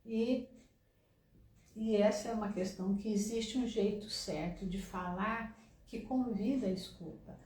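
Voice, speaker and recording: A woman's voice: medium pitch, a little slow, darkish tone. Brazilian woman coach in an echoey room. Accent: Brazilian Portuguese. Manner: conversational, frequent "né?" tags. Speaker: relationship coach. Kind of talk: advice talk to camera.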